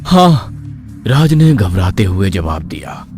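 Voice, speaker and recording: A man narrating an animated horror story in a hushed, suspenseful way. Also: lowish voice, measured pace, music in the background.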